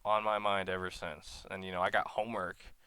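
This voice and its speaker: Young guy with a deep voice, bright and crisp, stumbles over his words, kinda bummed. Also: little pitch movement, no room sound. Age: young adult. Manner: halting, stuttering, downbeat and quiet. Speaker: vlogger. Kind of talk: casual rant to camera.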